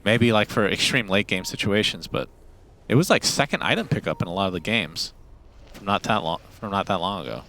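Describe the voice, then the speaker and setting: A man's voice: low voice, lively intonation, brisk, fairly bright tone, a little hiss or hum. A man casting a live esports match, joking and laughing easily with his co-caster. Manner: jokey, laughs often, self-deprecating.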